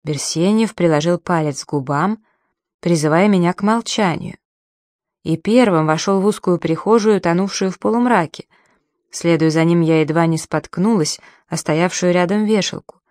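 A woman narrating a novel in a measured, storytelling manner. Her voice sits on the low side and the recording is dry and close, with no room sound. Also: darkish tone, no room sound. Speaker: audiobook narrator. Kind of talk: audiobook narration.

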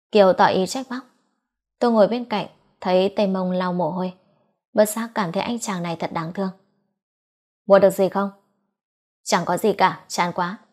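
A woman reading a romance novel aloud as an audiobook narrator, voicing the dialogue in her own voice. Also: medium pitch. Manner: reads all characters' dialogue in a near-normal voice.

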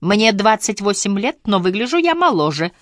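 A woman reading the part of a composed young solicitor on trial, speaking with gentle irony. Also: medium pitch, very animated, normal speed, no echo, clean studio sound, voice pushed up. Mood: wry calm. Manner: wry, composed, gently sarcastic. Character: young man, calm ironic solicitor on trial. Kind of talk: audiobook character voice.

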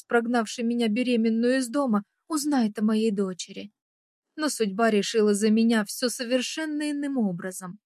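A woman narrating a first-person audiobook in an emotional, expressive way. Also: fairly high pitch, no echo, clean studio sound.

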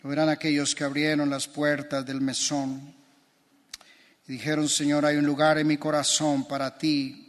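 A man's voice: a little high, level tone, normal speed. A man preaching a sermon as pastor, impassioned and building through repeated phrases. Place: church. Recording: long church reverb.

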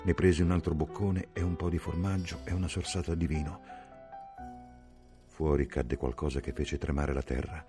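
A man reading a novel aloud as an audiobook, in a measured, slow and grave dramatic narration. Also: a bass voice, fairly even intonation, over music. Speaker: audiobook reader.

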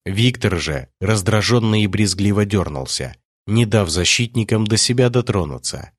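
A man narrating an audiobook in a steady, measured reading. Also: lowish voice, dry recording, studio quality. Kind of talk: scripted narration.

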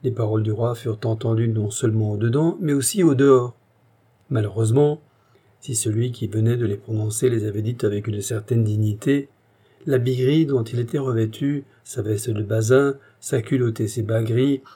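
Husky, mellow male audiobook narrator. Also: medium pitch. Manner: measured, expressive. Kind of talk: scripted literary narration.

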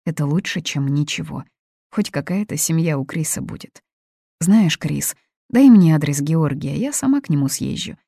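A woman's voice: sits low, lively intonation, normal speed, gravelly, dark tone, breathy edge, no room sound, clean studio sound, exaggerated voice. A woman reading an audiobook, voicing a young heroine who speaks earnestly and directly. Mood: resigned. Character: young Russian woman visiting, indignant but restrained.

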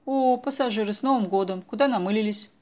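A woman voicing a gruff, brusque middle-aged male bus driver in an audiobook. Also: on the high side, quick pace, a little mellow, pitched above the performer's own voice, lightly acted.

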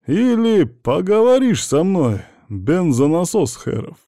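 A man's voice: high voice, sing-song, slow, dark tone, no room sound, clean studio sound, pitched above the performer's own voice, exaggerated voice. A man voicing a menacing older male gang boss who taunts his captive mockingly. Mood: taunting.

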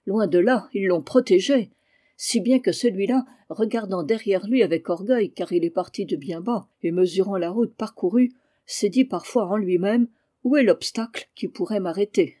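A reader of an audiobook voicing a small, emphatic male lawyer who spins ghost lore in a mellow voice. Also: mid-range voice, moderate pace, natural voice. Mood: insinuating. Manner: emphatic, vague, teasing storyteller.

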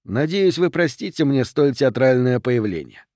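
A calm, refined male agent with a melodious Southern American accent, as a man reads him. He speaks in a polished, courteous, unhurried way. The audiobook voice sounds close and dry. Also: medium pitch, no room sound, lightly acted. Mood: suave.

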